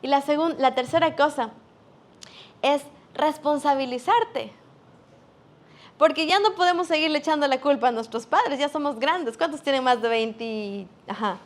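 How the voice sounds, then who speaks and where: Woman preacher, high pitch, earnest and emphatic sermon delivery. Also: moderate pace, a little hiss or hum.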